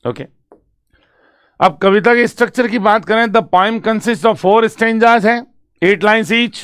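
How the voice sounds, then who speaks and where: Hindi-speaking man teaching poetry, clear voice. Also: sits high, a bit bright, no room sound, studio quality. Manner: reads English lines slowly and emphatically, then explains in Hindi; asks students check questions, writes on a board. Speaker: English literature teacher. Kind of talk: exam-prep poetry lecture mixing Hindi and English.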